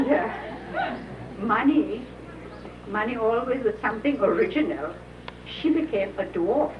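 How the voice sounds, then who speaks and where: An older woman tells a small gathering an unhurried, reminiscing anecdote, chuckling and laughing often, her fairly high voice full of lively intonation. It survives on an old VHS tape that sounds muffled and hissy, captured from far off in an echoey room with crowd noise.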